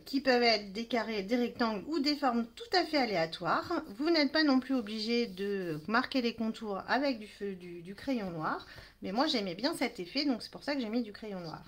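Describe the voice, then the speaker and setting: A woman's voice: medium pitch, fairly bright tone. A woman hosting a live crafting demonstration, chatting with viewers and apologizing for camera trouble as she works. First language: French. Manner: chatty, apologetic, greets viewers while working. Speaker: crafting live-stream host.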